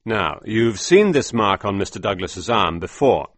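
A man voicing a calm, measured male detective in a read-aloud detective story, asking probing questions in a husky voice. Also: lowish voice, no room sound.

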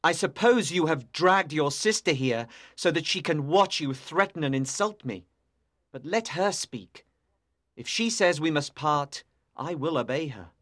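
A woman reader voicing a frail young man who speaks quietly, earnestly and a little bitterly in an audiobook. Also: deep voice, expressive, a little slow, pitched below the performer's own voice, heavily acted.

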